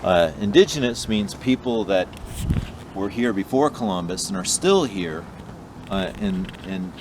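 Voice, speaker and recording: Easygoing ranger, outdoors. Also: male voice, mid-range voice, noisy background. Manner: easygoing, storytelling, gentle. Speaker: park ranger. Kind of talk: guided nature hike talk. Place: outdoors in the woods.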